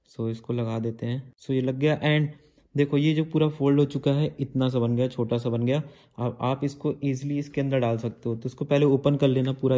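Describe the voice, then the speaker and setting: In his bedroom at home, a vlogger in his 20s with a medium-pitched, dark-toned voice gives a casual product review and tutorial. He chats with viewers like friends, calling them "guys" and "bhai."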